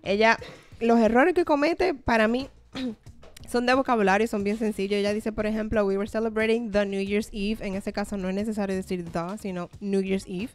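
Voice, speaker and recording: A woman English teacher co-hosting a radio show, explaining points in a casual, lively way into a studio mic. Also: mid-range voice, moderate pace. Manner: explanatory, lively, laughs often.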